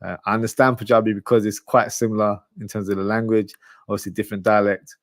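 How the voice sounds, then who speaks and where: This football podcast host, a man from a Pakistani family in Lahore with Urdu as his home language, talks casually and directly to his audience during a live match preview, reading comments as he goes. He speaks fast in a fairly low, level voice. The sound is dry and clean, like a studio.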